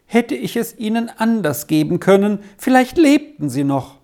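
A woman's voice: medium pitch, expressive, a little slow, a little mellow. A woman doing a tearful grieving mother. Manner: plaintive, sobbing.

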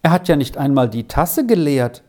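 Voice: medium pitch, big pitch swings, moderate pace, mellow, lightly acted. Storybook mother, anxious and tender, read by the narrator. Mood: worried. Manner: worried, alarmed. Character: worried caring mother.

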